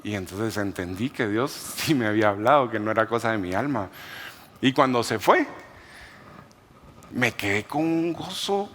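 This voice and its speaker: A man preaches as a pastor, his voice sitting a little low. He tells his testimony in an animated, storytelling way, slipping into quoted dialogue. A faint ambient noise sits under the recording. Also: normal speed, long pauses. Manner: storytelling, animated, laughs while telling. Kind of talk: sermon testimony.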